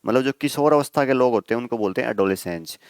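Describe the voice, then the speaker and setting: A man's voice: medium pitch, fast talker, darkish tone, clear, resonant tone, no echo, studio quality. A male teacher giving an exam-prep vocabulary lesson. He asks the class questions and answers them himself, checks with "okay?" again and again, and spells words out letter by letter.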